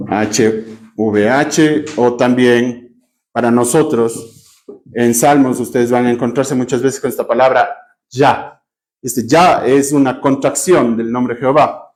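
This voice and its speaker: A man's voice: medium pitch, darkish tone. A man with a Cuenca Ecuadorian accent teaching a Bible class, questioning his students and spelling out terms as he writes on a board. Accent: Ecuadorian Spanish, Cuenca.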